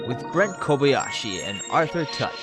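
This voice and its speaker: A man's voice: medium pitch, big pitch swings, normal speed, over loud music. A man delivering a recorded show intro in an announcer style, partly sung.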